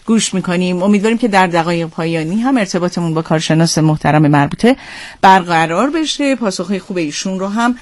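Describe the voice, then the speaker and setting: A woman hosting a radio program, speaking politely with calm patience and a light teasing edge. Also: fairly low pitch. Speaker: radio host.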